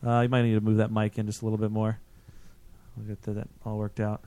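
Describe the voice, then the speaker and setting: A podcast host in his late twenties rambles through crude, self-deprecating banter on a studio mic, wearing headphones. His voice is on the low side and mellow, quick in pace, with a completely flat delivery.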